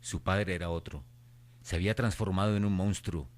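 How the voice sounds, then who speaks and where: A man with a low voice serves as narrator of a radio horror drama. He reads the scripted story as third-person narration. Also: steady tone, normal speed.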